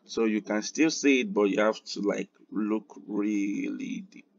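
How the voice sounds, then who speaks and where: A man hosting a screen-recorded design tutorial, unhurried and thinking aloud with quiet muttered asides. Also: fairly low pitch, fairly even intonation, vocal fry, dry recording, lo-fi sound.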